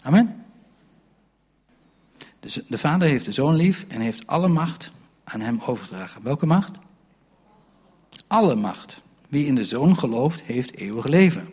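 A man's voice: medium pitch, very animated, measured pace, long pauses, a little mellow, slightly rough. A male pastor giving a sermon in a church hall, preaching in a conversational way with asides to the congregation. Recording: long hall reverb.

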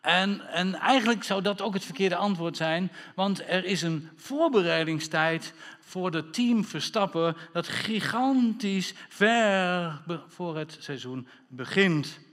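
A man's voice: high-pitched, slow. A man preaching a sermon as pastor, playful with wordplay and calling for amens from the congregation. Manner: lively, playful wordplay, calls for amen. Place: church hall. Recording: reverberant church hall.

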